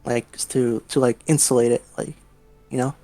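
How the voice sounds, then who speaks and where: Man, mid pitch, tabletop gamer, casual, halting, describing actions, close dry sound. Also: flat delivery, warm tone, dry recording, faint music behind. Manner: halting, thinks aloud. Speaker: tabletop game player. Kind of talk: casual role-play chat, describing his actions.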